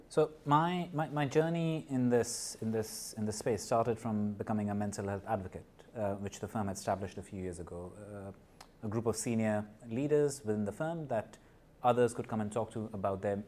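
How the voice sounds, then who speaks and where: A man from Nepal and India with a lowish, darkish voice, speaking at a moderate pace. He's a guest on a podcast interview, a corporate partner and mental health advocate, and he talks earnestly, frequently restarting and repeating words.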